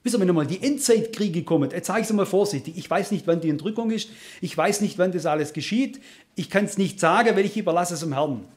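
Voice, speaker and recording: High-voiced preacher, earnest. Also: male voice, quick pace. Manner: earnest, emphatic, addresses listeners directly. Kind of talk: sermon to a congregation.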